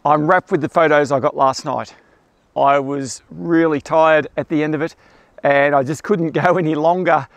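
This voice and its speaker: A man with a gravelly voice on the high side and fairly even intonation talks at normal speed, enthusiastically walking the camera through his astrophotography. His clip-on mic gives a dry recording, first outdoors in the night bush, then at the bush camp come morning.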